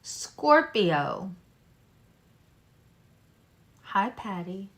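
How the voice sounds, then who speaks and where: A woman's voice: mid-range voice, big pitch swings, a bit bright. A woman giving a casual live tarot reading in a meandering way, her speech slightly impeded by a swollen tongue. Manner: unhurried, meandering, drifting between card readings and asides. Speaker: live-stream tarot reader.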